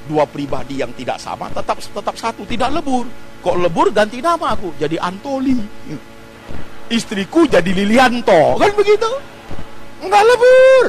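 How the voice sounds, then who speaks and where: High, lively joking preacher man. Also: poor audio. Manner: jokey, peppered with rhetorical questions; drops in English phrases. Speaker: pastor. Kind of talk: sermon. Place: church service.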